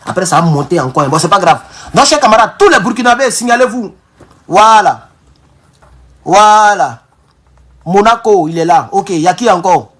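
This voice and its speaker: A man's voice: high-pitched, animated, normal speed, a bit bright. A man with an African French accent hosting a live-streamed political talk. He speaks fervently and emphatically, repeats phrases and restarts words, and keeps addressing his viewers as comrades. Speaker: political livestream host.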